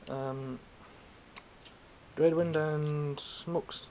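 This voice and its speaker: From behind the camera, a young Scottish toy vlogger chats wryly and self-mockingly about his haul, rambling along, a bit phlegmy and coughing now and again. He speaks extremely slowly in a fairly high, mellow voice with fairly even intonation. There's a little hiss or hum on the camera mic.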